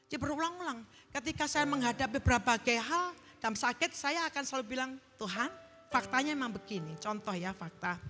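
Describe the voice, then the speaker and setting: A woman's voice: a little high, bright, forceful tone. A middle-aged woman preacher giving a sermon with a personal testimony, telling her story earnestly and leading the congregation in call-and-response. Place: large church hall. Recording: church hall reverb, faint music.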